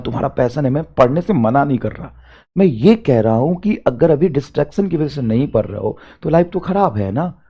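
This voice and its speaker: A young male teacher talks to students preparing for exams, pushing them hard in an emphatic, repetitive way. His voice sits a little above the usual male pitch, and he rises into loud urging before dropping to quiet, confiding asides. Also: gravelly, slightly rough, lo-fi sound. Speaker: teacher giving a motivational talk. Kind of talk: motivational talk to exam students.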